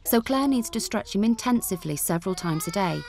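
A woman giving measured scripted documentary narration. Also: medium pitch, gravelly, background noise. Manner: measured, even delivery. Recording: voice-over with music bed.

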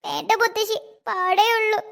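A woman's voice: very high voice, moderate pace, gravelly, fairly bright tone, exaggerated voice. A tearful little cartoon girl. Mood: hurt, timid. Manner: pleading, whimpering. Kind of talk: animated cartoon dubbing.

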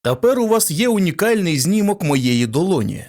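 A man's voice: medium pitch, animated, moderate pace, vocal fry. A man voicing a sarcastic, tough male doctor.

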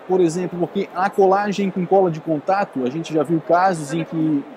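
A man's voice: fairly high pitch, fairly even intonation, moderate pace, background noise. A man representing a company, explaining technical details in a matter-of-fact way at a boat show stand. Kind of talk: product explanation.

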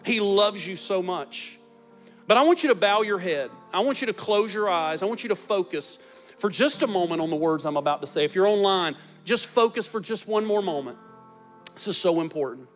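Faint music sits behind this pastor in his forties as he preaches expressively at a moderate pace into a handheld mic on a large church stage. He alternates loud, emphatic lines with soft, low ones.

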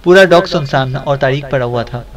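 A man narrating an adventure novel as an audiobook, in a steady, even storytelling voice. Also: medium pitch, fairly quick.

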